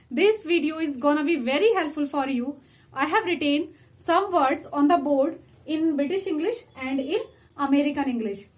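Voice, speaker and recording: A woman teaching vocabulary beside a whiteboard, patiently repeating each word, with slow, careful English asides. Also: sits high. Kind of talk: explaining vocabulary to viewers.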